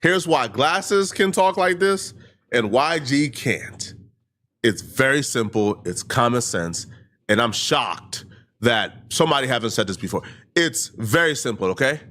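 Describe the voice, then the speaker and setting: Male commentary host, casual, lively swinging delivery. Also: mid-range voice, unhurried. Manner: animated, laughs easily, repeats for emphasis.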